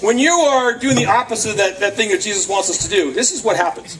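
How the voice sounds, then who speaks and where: A man giving a lively youth sermon, acting out quotes and laughing often, recorded on a camcorder from across the room. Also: high voice, fast talker, slight background noise. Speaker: youth speaker. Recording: distant camcorder sound, faint crowd.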